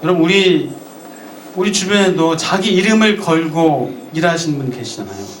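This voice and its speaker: A high-voiced male pastor preaching a sermon, heard from some distance in a roomy, echoing church. He turns to the congregation with questions and acts out the words of those he quotes. Faint ambience hangs behind him. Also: moderate pace, slight background noise. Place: church sanctuary.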